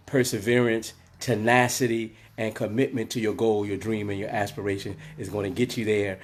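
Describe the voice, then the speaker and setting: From inside his shut hair salon, a man who is feeling unwell hosts a relaxed motivational live stream on his phone, his voice rumbling. He gives a rambling, repetitive pep talk packed with filler words.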